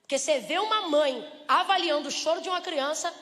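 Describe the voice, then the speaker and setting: A Brazilian woman preaching a lively church sermon, asking the congregation rhetorical questions and acting out little scenes. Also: high voice, a little fast. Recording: reverberant church hall.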